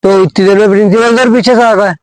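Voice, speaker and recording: In a casual comic phone vlog, a young man rambles through a school story full of fillers and repeated phrases. His high voice is steady and quick, with no room sound and poor audio quality.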